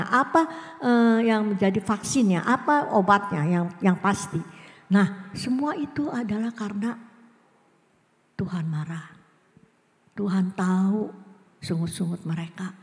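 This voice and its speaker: A middle-aged woman teaching children a Bible story in a lively storytelling way, acting out the characters' lines. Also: big-room sound. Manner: lively storytelling, voicing characters' lines with big pitch swings. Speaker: Sunday school teacher.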